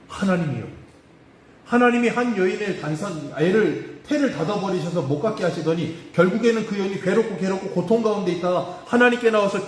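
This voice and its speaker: Male pastor, sermon delivery, high voice, echoey church, acts out quoted lines. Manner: animated preaching, acting out quoted voices with rising pitch. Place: church sanctuary.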